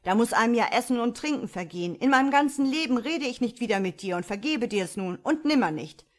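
Brief: huffy young clerk, fawning then easily riled, as a woman narrator voices him, loud. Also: on the high side, expressive, fairly quick, voice pushed up, natural voice. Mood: thundering. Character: young man, fussy, touchy clerk.

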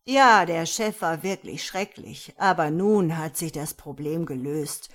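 A woman's voice: deep voice, unhurried, fairly bright tone. A woman reading an audiobook voices a spry, nervous old lady who meddles in a plot. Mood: scheming. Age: older.

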